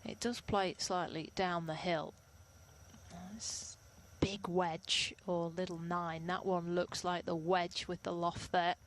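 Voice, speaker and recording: A woman's voice: fairly low pitch, level tone, slow pace. A woman giving live golf commentary, describing shots and scores. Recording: clear outdoor ambient noise.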